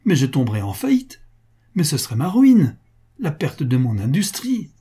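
A man playing an upright factory owner in a storybook reading, his husky, dark voice strained with anxiety. He refuses with dignity and pleads with fear behind the politeness. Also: on the high side, sing-song, moderate pace. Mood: panicked. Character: upright male factory owner, frightened debtor.

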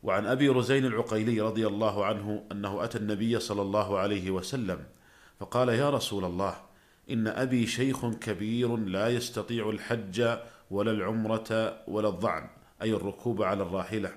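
Guy with a lowish voice reading out a religious lecture, very formal standard arabic, measured scholarly delivery. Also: steady tone. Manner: measured, formal classical diction. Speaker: religious scholar presenting a radio program.

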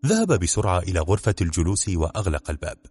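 A man narrating a storybook in an expressive, measured reading. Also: low-pitched, slightly rough, no room sound. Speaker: audiobook narrator.

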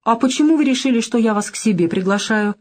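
A woman's voice: on the high side, very animated, pitched above the performer's own voice. Woman voicing Natasha, a teasing young woman. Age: young adult. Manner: brisk, teasing, bright lilt. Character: lively young woman, ironic and direct. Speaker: audiobook character. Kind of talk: audiobook dialogue reading.

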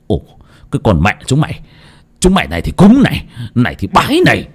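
A man voicing a hot-tempered middle-aged villager who curses loudly, in a spoken ghost story. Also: mid-range voice, wildly swooping pitch, fairly quick, breathy edge. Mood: furious. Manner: loud, cursing, furious.

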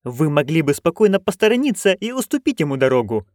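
A man voicing a young witch woman who speaks in a soft, reasonable, placating way. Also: fairly high pitch, big pitch swings, fast talker, no room sound, studio quality.

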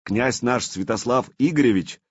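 A man voicing a cunning, evasive nobleman who flatters his prince. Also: medium pitch, moderate pace, slightly rough, no room sound, highs cut off, voice pushed up, close to an everyday voice. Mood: sly. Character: sly scheming older male boyar.

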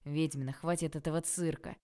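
A woman's voice: deep voice, steady tone, a little fast, warm tone, natural voice. A woman voicing a stern, irritated male university lecturer who talks in a cold, clipped, scolding way. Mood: cold irritation.

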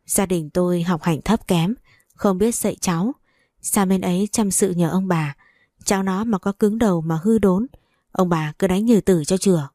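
A stern, poor old village father scolds his daughter harshly, read by a woman narrating the story. The voice sits low and mellow. It is recorded dry and close. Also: moderate pace, no room sound, natural voice. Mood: humble.

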